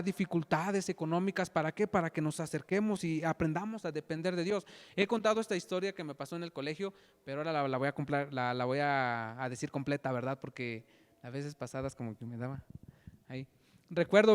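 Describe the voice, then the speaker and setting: A man's voice: on the high side, clear, resonant tone. Young man preaching in an echoing hall. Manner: halting, repeats words, frequent "¿verdad?". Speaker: lay preacher giving testimony. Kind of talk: sermon testimony. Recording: long hall reverb.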